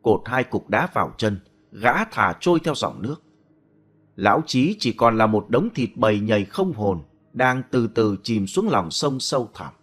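Male horror audiobook narrator, animated pitch, dramatic reading. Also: moderate pace, faint music behind. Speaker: storyteller. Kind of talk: scripted horror story narration.

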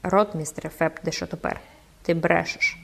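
A woman voicing a brooding cloaked man who sounds like a ghost, speaking low, hushed and cold. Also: steady tone, moderate pace, vocal fry. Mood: cold, ominous. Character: brooding cloaked man, eerie phantom-like stranger.

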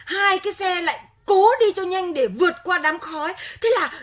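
An actress playing a frantic young village granddaughter who stammers in a radio drama. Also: female voice, extremely high pitch, moderate pace. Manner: breathless, stammering.

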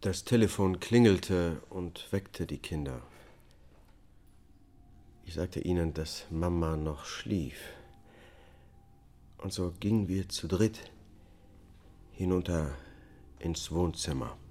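Deep and dark in tone, an actor voices a haunted, subdued defendant accused of murdering his family in a radio drama, giving his testimony calmly and plainly.

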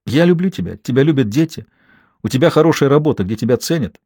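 A man's voice: mid-range voice, lively intonation, fast talker, mellow, slightly rough, no echo, studio quality. Fields: man voicing an enraged, scornful wife. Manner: raised, scornful, cutting. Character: enraged wife, middle-aged woman, sharp-tongued.

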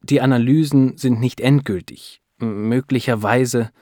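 A man voicing a bewildered wife who speaks softly and in astonishment. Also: mid-range voice, steady tone, a little slow, no room sound, clean studio sound, pitched above the performer's own voice, lightly acted. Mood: anxious. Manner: soft, astonished. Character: bewildered young wife, adult woman.

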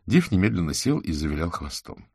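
Male audiobook reader, low and gravelly, expressive, plays all characters, dry studio sound. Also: fairly quick, no room sound. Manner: reads every character himself, shifting voice for each. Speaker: audiobook narrator. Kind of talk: scripted narration.

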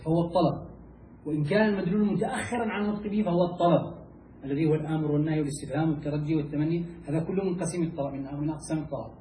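A man teaching a lesson, who repeats phrases and keeps asking his students whether it is clear. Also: high voice, warm tone. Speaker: teacher of Islamic logic. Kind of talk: classroom lecture explaining a text. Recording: echoey room, mic at a distance, faint hiss.

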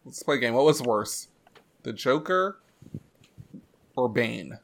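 A man's voice: mid-range voice, animated, slow pace, gravelly, a bit bright, a little hiss or hum. A man co-hosting a podcast in casual chat, rambling with lots of restarts and filler. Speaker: podcast co-host.

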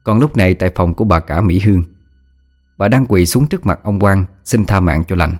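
A man narrating a scripted ghost story in a steady, even manner. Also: deep voice, a little fast. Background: faint background music.

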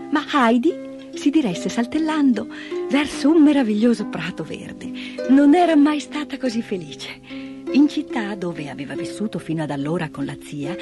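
A woman narrating a fairy tale in an expressive storytelling style. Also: fairly high pitch. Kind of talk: storybook reading.

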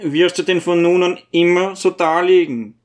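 A man voicing a gentle old priest who speaks in a mild, coaxing, earnest way. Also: sits high, steady tone, moderate pace, pitched above the performer's own voice, lightly acted. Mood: reasoning. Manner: soothing, earnest, coaxing questions.

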